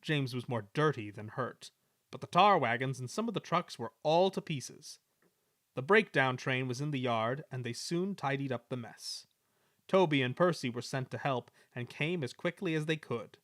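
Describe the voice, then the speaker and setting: A man giving an expressive reading of a children's story. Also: medium pitch, moderate pace, dry recording, studio quality. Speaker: storybook reader. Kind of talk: scripted narration of a children's story.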